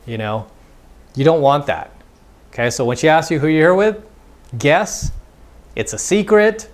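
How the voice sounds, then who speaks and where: Speaking at normal speed in a slightly high, expressive voice, a man gives dating instruction. The monologue is casual, with repeated points and snippets of dialogue acted out.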